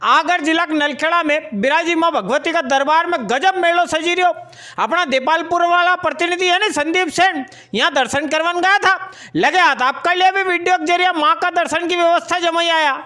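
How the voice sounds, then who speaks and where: A woman's voice: extremely high pitch, brisk, sharp tone. A woman presenting a local news bulletin in a Malwi accent, with a chatty, folksy storytelling delivery.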